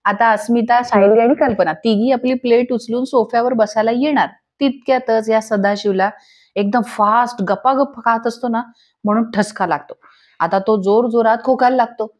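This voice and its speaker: A young woman retelling a TV serial episode in a lively storytelling manner, voicing each character herself. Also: on the high side, moderate pace. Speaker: serial episode recap narrator.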